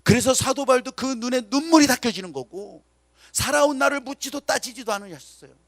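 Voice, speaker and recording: A man's voice: very high voice, lively intonation, brisk, creaky, no room sound. A male pastor preaching a sermon with dramatic storytelling, acting out the people in his stories and calling for amens. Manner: dramatic storytelling, acts out quotes; emphatic, calls for amens.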